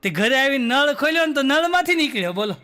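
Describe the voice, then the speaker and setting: A man telling stand-up jokes, acting out the dialogue in quick voices. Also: extremely high pitch, sing-song, noisy background. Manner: storytelling with quick voiced dialogue, "બોલો" tags. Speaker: stand-up comedian.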